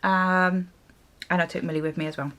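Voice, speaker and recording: This woman keeps a flat delivery at normal speed, her lowish voice fairly bright, as she chats through a casual storytime while getting ready. Like a typical vlogger, she rambles, interrupts herself, and chuckles often.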